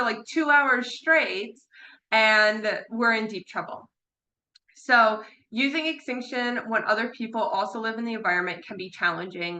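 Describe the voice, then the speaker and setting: Woman, parrot behavior consultant, chatty lecture, bright voice, echoey room. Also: a little high. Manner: chatty, repeats words for emphasis, laughs now and then. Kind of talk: informal online lecture. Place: room at home with her birds.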